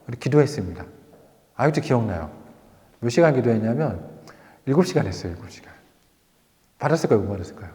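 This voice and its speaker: A male pastor preaching a sermon, telling a personal story with lively rhetorical questions, then leading a prayer. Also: mid-range voice, fast, pauses often, big-room sound. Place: church sanctuary.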